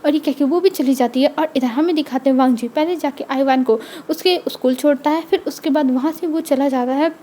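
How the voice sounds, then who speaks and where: A woman's voice: high-pitched, a little fast, few pauses, mellow, slight background noise. A woman narrating a fan-fiction story in a casual, conversational way, with repetitive phrasing. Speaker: fanfiction narrator.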